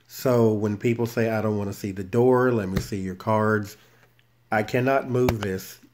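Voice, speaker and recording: Filmed on his phone in a shared room at home, the man runs a tarot channel and talks casually to viewers in a vlog style. His voice is very soft and naturally muffled, fairly low in pitch and steady in tone, always quiet and unhurried without ever getting loud.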